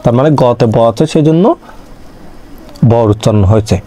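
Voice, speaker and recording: Mellow-voiced man teaching a grammar lesson. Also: mid-range voice, normal speed. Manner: explains step by step, asks and answers his own questions. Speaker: online tutor. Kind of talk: exam-prep grammar lesson.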